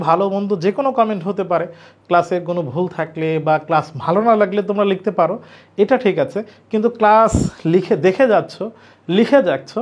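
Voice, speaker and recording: A man teaching an online grammar class, explaining slowly, repeating points and asking his students questions. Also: high-pitched, darkish tone. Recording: dull lo-fi recording.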